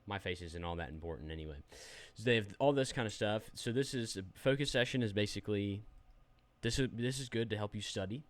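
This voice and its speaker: A young adult man rambles through an unedited review of a phone app while sharing his screen, poking fun at himself along the way. His voice sits low.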